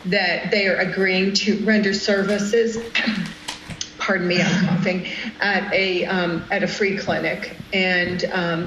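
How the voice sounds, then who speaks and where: A woman's voice: lowish voice, a bit bright, echoey room, slight background noise, rough recording. A woman advising a board in a formal manner, reciting statute with some ums.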